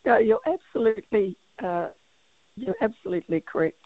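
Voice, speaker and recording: A woman with a croaky voice, calling in to a radio talk show and agreeing with the host, hesitant with many fillers. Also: medium pitch, animated, moderate pace, dry recording. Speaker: caller. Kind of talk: casual radio chat. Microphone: telephone. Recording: tinny phone line.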